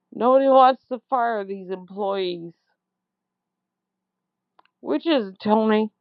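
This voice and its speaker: A woman leaving a voicemail for a politician, complaining slowly and emphatically, repeating words for stress. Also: medium pitch, gravelly, clear, resonant tone, no room sound. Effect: leaving a voicemail over a phone line. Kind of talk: angry complaint message. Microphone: phone. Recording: dull lo-fi phone voicemail.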